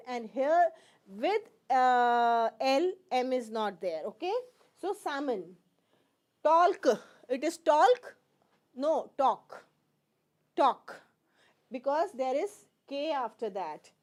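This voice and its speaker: Woman, Indian English accent, middle-aged, high pitch, very slow classroom explaining. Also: expressive, a little mellow. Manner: explains patiently, repeats each word and asks "fine?". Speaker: English teacher. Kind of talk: classroom lesson mixing Hindi and English.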